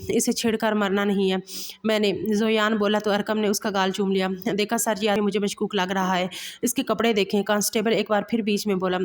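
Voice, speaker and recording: A woman reads a romantic novel aloud in an even, level tone, keeping the same pace through narration and dialogue. She slips and restarts now and then. Her voice carries a long reverb, as if recorded in a large hall. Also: mid-range voice. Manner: even, steady reading with occasional slips and restarts. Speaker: storyteller.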